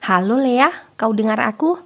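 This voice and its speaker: A woman's voice: on the high side, lively intonation, normal speed, vocal fry, fairly bright tone, heavily acted. A woman voicing a friendly young man making a polite, eager phone call in a romance audio story.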